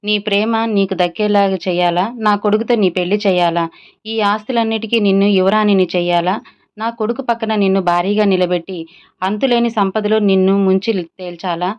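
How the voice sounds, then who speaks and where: Proud scornful mother, scolding, read by a woman storyteller; smooth tone, lo-fi. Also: mid-range voice, steady tone, normal speed, close to an everyday voice. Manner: scolding, contemptuous.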